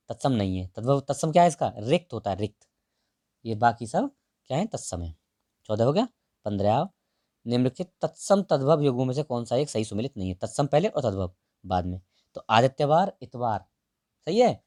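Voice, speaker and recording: A man going through exam answers as a teacher, repeating key terms and trailing off low at the ends of lines. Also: warm tone, no echo, clean studio sound. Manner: repeats key words, drops to a low murmur at line ends. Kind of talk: explaining test answers.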